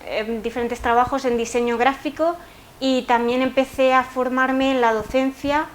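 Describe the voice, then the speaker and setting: Hesitant young woman artist, slightly high. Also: level tone, normal speed, a little hiss or hum. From Spain. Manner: hesitant, with many fillers. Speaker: artist guest. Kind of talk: interview answers.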